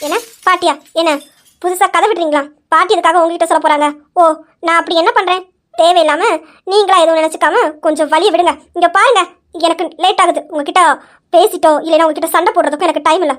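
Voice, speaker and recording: A woman's voice: very high-pitched, fairly even intonation, fast talker. A woman voicing a young wife who sharply refuses to let her husband question her. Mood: defiant. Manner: sharp, scolding, insistent. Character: young wife, defiant and independent.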